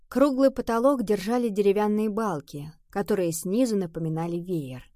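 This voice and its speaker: A woman narrating an audiobook in a steady, even storytelling manner. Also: medium pitch, dry recording, clean studio sound.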